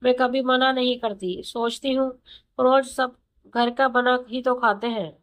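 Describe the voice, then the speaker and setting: A woman narrates a first-person audio story in a calm, conversational way. Her voice sits somewhat high, and she keeps an even storytelling manner throughout. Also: a little slow.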